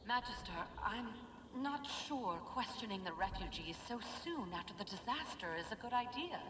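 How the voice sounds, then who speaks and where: A woman's voice: on the high side, lively intonation, moderate pace, reverberant, in a large hall, background noise, close to an everyday voice. A woman playing an earnest, cautious novice scholar in a video game, polite and formal. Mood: hesitant, concerned. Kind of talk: scripted game acting.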